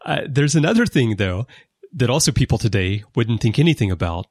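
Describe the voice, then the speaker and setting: A man hosting a casual podcast conversation, explaining background at length with lively emphasis. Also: medium pitch, a little fast, slightly rough, no room sound. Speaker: podcast host. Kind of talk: casual conversation about a TV series. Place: lives in Japan.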